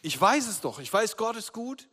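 A man preaching a sermon as a pastor, earnest and personal, dropping to a hushed voice for confessions and rising again for appeals. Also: high voice, big pitch swings, moderate pace, slightly rough. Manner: earnest, shifts between loud appeals and soft hushed confession. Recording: long hall reverb.

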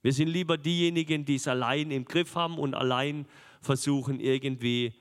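A man preaching a sermon in a lively, conversational way, often asking his listeners questions. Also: mid-range voice, normal speed, clean tone. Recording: long hall reverb.

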